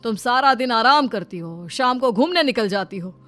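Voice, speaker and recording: A woman's voice: a little high, animated, moderate pace, a bit bright, soft background music. A woman voicing a stern older father-in-law who talks firmly and scolds, in a family drama story.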